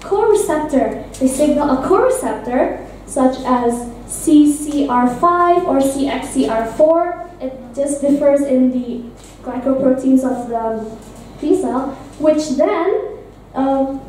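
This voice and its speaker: A woman's voice: sits high, expressive, slow pace, warm tone, slight background noise. A young woman giving a student class presentation, explaining step by step and playfully quizzing the audience. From Indonesia. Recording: echoey room, mic far off.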